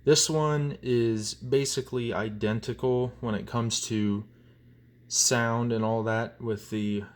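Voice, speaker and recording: Speaking slowly in a mid-range voice with fairly even intonation, a hobbyist walks through his collected items. The review is informal, wandering and a bit halting, recorded on a phone held or set down nearby.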